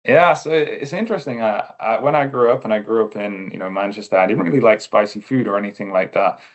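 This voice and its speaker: A man's voice: on the low side, fast, muffled recording. An English man as a podcast guest, talking in a thoughtful, easygoing way with fillers and restarts. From England. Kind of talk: casual interview chat.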